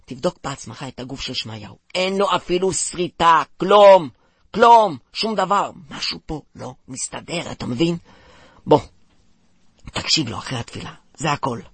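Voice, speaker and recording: A bumbling joker, played by a man, stammers and trips over his words while spinning silly puns in a comic radio play. His voice is slightly high and husky, recorded dry and close. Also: lively intonation, fairly bright tone, no echo, full character voice. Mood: pleading coaxing.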